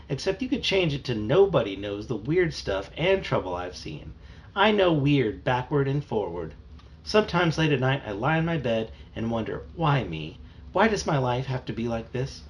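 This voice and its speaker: A man reading a children's novel aloud with an expressive delivery. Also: medium pitch, creaky, dull audio. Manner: animated, expressive. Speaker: storybook reader.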